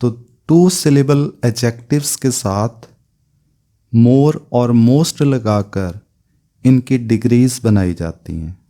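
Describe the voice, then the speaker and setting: A man teaching English grammar in speech, spelling out each word form one by one in a slow lesson. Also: mid-range voice, warm tone.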